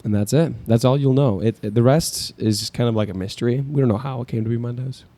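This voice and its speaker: A young man co-hosting a coffee podcast, bantering with deadpan, goofy humor and talking through brewing gear. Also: medium pitch, quick pace. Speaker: podcast co-host. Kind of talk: casual chat.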